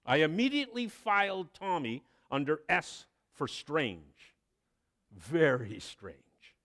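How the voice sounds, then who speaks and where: A man preaching a sermon, telling a story with expressive delivery and dramatic pauses. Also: on the high side. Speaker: pastor.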